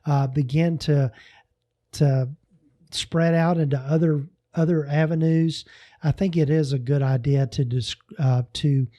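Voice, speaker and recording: A man's voice: on the high side, fairly even intonation, a little slow, mellow, dry recording. A man hosting a podcast, signing off in a casual, rambling way with many fillers and restarts. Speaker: podcast host.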